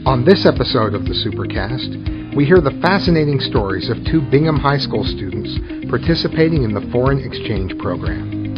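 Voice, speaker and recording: A man, a school district superintendent, hosts a podcast and interviews guests in a high school room, with a measured, friendly manner. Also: highs cut off. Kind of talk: scripted intro, then interviewing guests.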